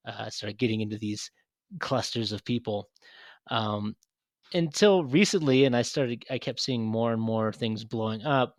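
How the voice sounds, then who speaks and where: A man's voice: on the low side, dry recording. A man co-hosting a podcast, rambling in casual chat with many restarts and fillers. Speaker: podcast co-host.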